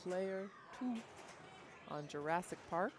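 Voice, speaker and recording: Upbeat live pinball co-commentator, playful asides, clear arcade noise behind. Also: medium pitch, expressive, slow. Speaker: co-commentator at a pinball tournament stream. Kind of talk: casual live play-by-play commentary. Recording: noisy arcade background.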